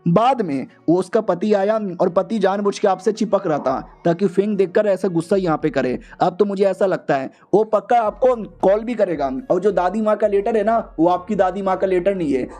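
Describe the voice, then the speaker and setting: A man voicing a cocky, clever little boy who boasts and lays out his reasoning point by point, in a high, mellow voice. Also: normal speed, hardly any pauses, close to an everyday voice. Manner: boastful, explains things point by point.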